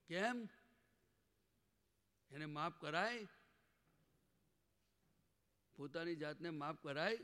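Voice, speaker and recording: A man's voice: a little high, a bit bright. A man giving a spiritual sermon to a gathering, often asking the audience questions and pressing them to answer. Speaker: spiritual teacher. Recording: long hall reverb.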